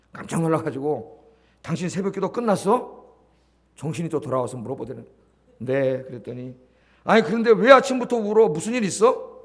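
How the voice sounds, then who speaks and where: Animated high-voiced preaching pastor. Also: male voice. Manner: dramatic preaching, voices quoted characters, asks congregation "예?". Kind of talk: Sunday sermon storytelling.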